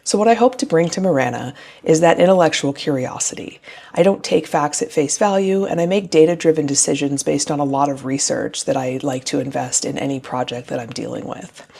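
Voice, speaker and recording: A woman in her forties from New Hampshire, giving an earnest, measured campaign address as a town council candidate. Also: low voice, vocal fry, mellow, husky. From New Hampshire, USA.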